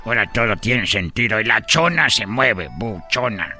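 A man voicing a joking Chinese character in a radio comedy sketch, breaking into sudden high shouts. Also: animated, moderate pace, faint music behind.

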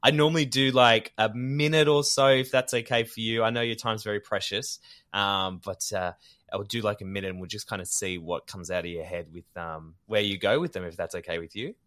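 A man hosting a casual interview in a polite, hesitant way, often halting as he puts his questions. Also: on the low side, steady tone, fairly bright tone. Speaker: interview host.

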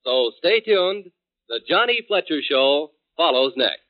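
A man speaking as the program's announcer in formal, measured 1940s radio style, heard from an old broadcast transcription disc. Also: a little high, very animated. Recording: tinny old broadcast disc with organ music.

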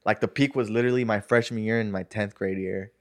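A man's voice: lowish voice, fairly even intonation, quick pace. A young man telling a story in casual chat, loose and slangy, with lots of fillers and cursing.

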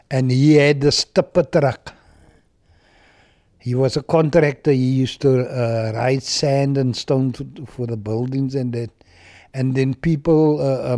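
A man's voice: medium pitch, dark tone, no echo, studio quality. A man in his sixties from South Africa recalling his past, hesitant with many fillers, speaking from the heart. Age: 60s. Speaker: interviewee. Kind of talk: personal recollection.

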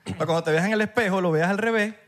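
A man's voice: high voice, very fast. A man co-hosting a podcast, joking playfully and jumping from topic to topic. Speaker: podcast co-host. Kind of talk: casual comedic podcast banter.

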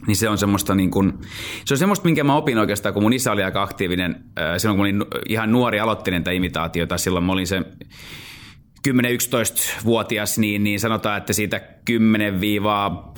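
A male impressionist speaking as a guest in casual chat, relaxed with filler words. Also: lowish voice.

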